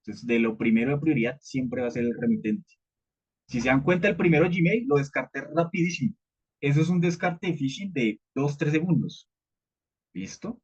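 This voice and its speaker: In a live cybersecurity training session, a man explains things conversationally at a moderate pace, his slightly high voice carrying a breathy edge. He keeps checking in with participants by asking "¿listo?" and leans on repeated fillers. The audio is dull and lo-fi.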